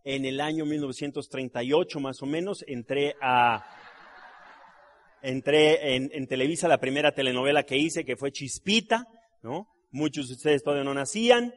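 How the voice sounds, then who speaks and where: A middle-aged man from Mexico City, a trained actor and voice artist, delivers a live business seminar talk to an audience in a medium-pitched voice at a moderate pace. He is an animated storyteller who weaves in jokes with the crowd and keeps seeking their agreement through tag questions.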